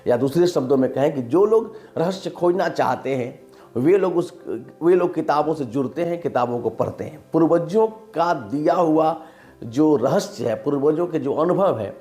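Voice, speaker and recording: A man's voice: fairly high pitch, expressive, moderate pace, warm tone, faint music behind. A man speaking in an earnest talk straight to viewers, repeating his points and counting them off, sometimes reciting a line of verse. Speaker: motivational speaker. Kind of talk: direct-to-camera talk.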